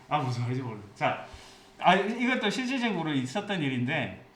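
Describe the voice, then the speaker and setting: A man teaching an English class with a Gyeongsang accent, explaining passages and telling jokey anecdotes in a lively way. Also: fairly high pitch. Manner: lively, jokey storytelling, mixes English phrases into Korean. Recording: echoey classroom with faint hiss.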